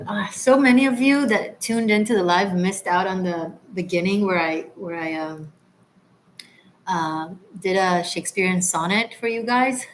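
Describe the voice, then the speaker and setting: A woman from Israel hosts a casual livestream as a tarot reader, chatting loosely and answering viewers' comments. Her voice is medium in pitch and measured in pace, relaxed and chatty, with frequent restarts and soft trailing asides. The recording is rough, with a little hiss or hum.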